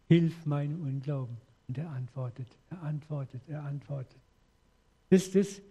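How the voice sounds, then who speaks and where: A man's voice: on the high side, dark tone, breathy edge. An older man, a pastor, preaching an earnest and emotional sermon and often quoting prayers aloud.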